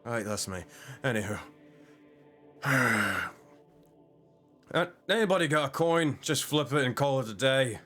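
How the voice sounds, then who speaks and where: Man, game master, mid pitch, casual improvised narration, informal, sweary. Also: lively intonation, a little slow, pauses often, bright, forceful tone, soft background music.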